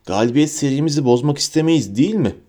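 Man voicing a proud, mournful ghost, storybook reading, measured and polite, dark tone. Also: fairly high pitch, lively intonation, natural voice. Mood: courteous. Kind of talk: audiobook character voice.

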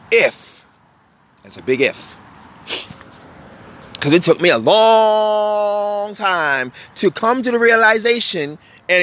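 Fiery, high-voiced man ranting bluntly. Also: fairly bright tone. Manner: fiery, blunt and profane, preaching hard; emphatic, repeats points for force. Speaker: podcast host. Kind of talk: impassioned monologue.

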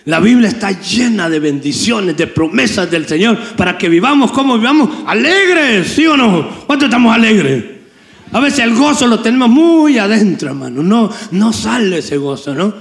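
A man's voice: high-pitched, sing-song, normal speed, gravelly. A man preaching and praying before a congregation, fervent and rhetorical, often asking them to repeat after him. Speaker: pastor. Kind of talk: sermon with prayer and call-and-response. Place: church sanctuary. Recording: echoey church hall.

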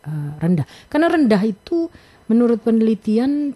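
A middle-aged woman speaks as a communication expert on a talk show. Her voice is mellow and relaxed, and her delivery is measured and instructive. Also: on the high side. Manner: measured, instructive, demonstrates intonation. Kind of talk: explanatory talk show chat.

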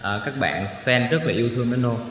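A man's voice: medium pitch, expressive, quick pace, fairly bright tone, slight background noise. A male singer chatting as a guest, earnest and talkative, often stopping to fix a word he has just used. His voice sits in the middle range. The recording is roomy, with a long hall reverb trailing each phrase. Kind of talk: casual chat.

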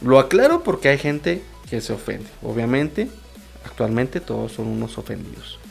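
A man's voice: mid-range voice, very animated, normal speed, vocal fry, darkish tone, faint music behind. A man with a Mexican accent in a casual comedic monologue, crude and rambling, swearing constantly, jumping between topics and laughing at his own jokes.

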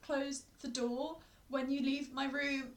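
A woman's voice: high-pitched, flat delivery, far from the mic. A young woman, co-hosting a podcast in casual chat, teasing and laughing often. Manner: laughing, teasing, quick asides. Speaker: podcast co-host.

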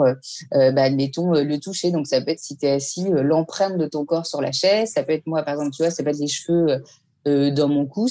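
A woman teacher casually explaining a mindfulness exercise step by step, pausing often to search for words. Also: on the low side, warm tone. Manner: explains step by step with frequent hesitations. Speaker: teacher giving mindfulness advice.

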